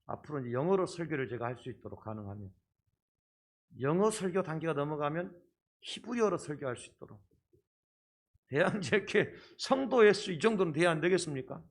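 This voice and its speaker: A male pastor delivers a sermon with his voice coming through a face mask. It sits a little high for a man. He explains patiently to the congregation, checking in with short rhetorical questions. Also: lively intonation, a little fast. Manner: speaking through a face mask, slightly muffled. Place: church service.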